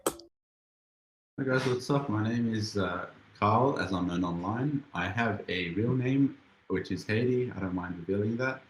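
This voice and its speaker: A man from Australia introducing himself casually as a podcast guest, soft-spoken. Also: fairly low pitch, unhurried, slight background noise. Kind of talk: casual chat. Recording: roomy, echoey call audio.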